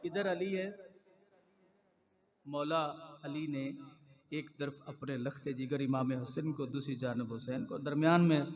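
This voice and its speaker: High-voiced man preaching in a reverberant hall. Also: long pauses. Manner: swings from quiet storytelling to loud sung exclamations. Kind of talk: devotional sermon with chanted refrains.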